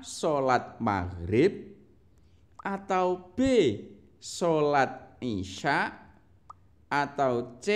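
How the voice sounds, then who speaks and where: A young man slowly reading multiple-choice quiz questions to pupils, patient and drawn out, with rising question tones. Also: mid-range voice. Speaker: teacher.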